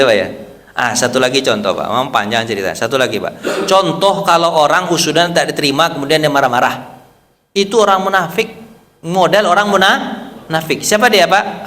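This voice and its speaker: A man's voice: sits high, fairly bright tone. A man preaching to a mosque study circle, telling stories and quizzing his listeners with questions in a manner. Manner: storytelling, quizzing the audience with questions. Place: mosque hall. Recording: long hall reverb.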